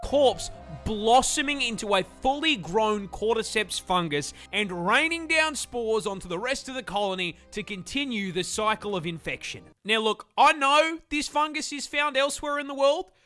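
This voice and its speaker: A man's voice: very high voice, lively intonation, normal speed, pushed and bright, soft background music. A man delivering scripted comedic nature narration in an exaggerated, sweary style. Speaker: video narrator.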